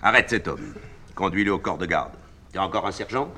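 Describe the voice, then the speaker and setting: A man's voice: deep voice, lively intonation, brisk, background noise, voice pushed up. A man reading a mercurial, imperious emperor. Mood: commanding. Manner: commanding, with sudden loud outbursts. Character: imperious, mercurial male emperor, middle-aged.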